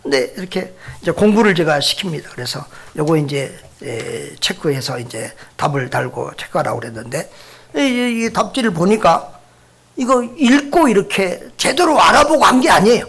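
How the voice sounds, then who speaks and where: A man's voice: sits high, expressive, normal speed, fairly bright tone, husky. A middle-aged man preaching a sermon as pastor, speaking conversationally and putting questions to the congregation. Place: church sanctuary.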